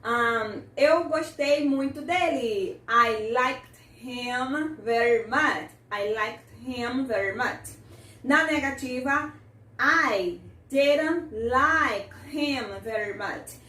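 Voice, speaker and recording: A woman teaching an English grammar lesson, saying example sentences slowly and carefully and repeating them for the learner. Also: high-pitched, sharp tone, roomy sound, recorded from a distance.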